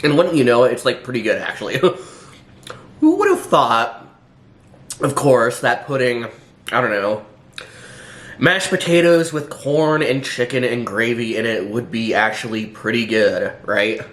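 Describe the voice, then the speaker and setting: Speaking at normal speed in a mid-range, slightly bright voice, a hungover man casually reviews food off the cuff. His delivery is rambling, hesitant, and dryly sardonic, thick with filler words, with echo in the room and faint background noise.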